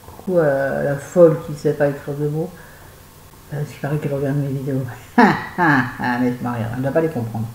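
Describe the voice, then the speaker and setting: Chatty home vlogger, a woman with a mellow voice, rambling book review in a roomy space. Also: extremely low pitch, steady tone, fairly quick, slight background noise. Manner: chatty, digressive, addresses viewers directly. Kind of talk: casual book review to camera. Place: at home with a fan nearby.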